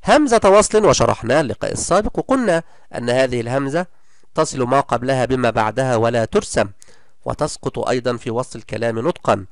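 A man teaching a primary school class in a recorded lesson, encouraging and praising his pupils often and drawing out example words slowly. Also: medium pitch, vocal fry, no room sound, studio quality.

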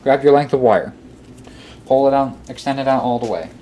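At an indoor workbench, a man gives a casual, hands-on how-to, walking through each step and frequently repeating himself. His voice is medium in pitch and dark in tone, and his pace is brisk. Clear background noise fills this noisy amateur room recording.

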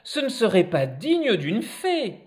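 A man's voice: high-pitched, wildly swooping pitch, slow pace, faint music behind, pitched above the performer's own voice, full character voice. A man voicing a strict, easily horrified fairy mother who scolds her daughter in a storybook reading. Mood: stern. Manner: scolding, indignant.

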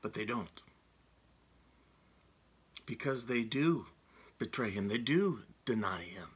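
This middle-aged pastor preaches a sermon into a webcam from a room at home, sitting close to it. His lowish, slightly rough voice is expressive and slow, and he sounds earnest, frequently restarting his words.

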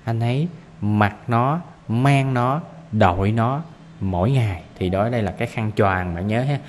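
Vietnamese guy teaching kids english, slow repeats, bit of hall reverb and faint hiss. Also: lowish voice. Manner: explains slowly, drills pronunciation, repeats words. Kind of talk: classroom reading lesson.

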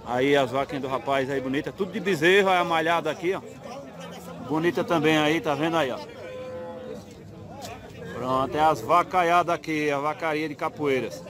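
Filming at an outdoor cattle fair in Northeast Brazil, a fairly high-voiced vlogger chats casually, asking sellers for prices and repeating each answer to the camera. He talks at a moderate pace with long pauses, and the bustling crowd is plainly heard.

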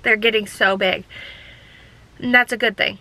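A woman's voice: medium pitch, fairly even intonation, moderate pace, sharp tone, poor audio. A woman vlogging to a handheld camera from a parked car. She is congested and out of breath, and chats in a rambling way with lots of "like". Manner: rambling, chatty, many "like" fillers. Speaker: vlogger, show host. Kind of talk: casual vlog talking to camera.

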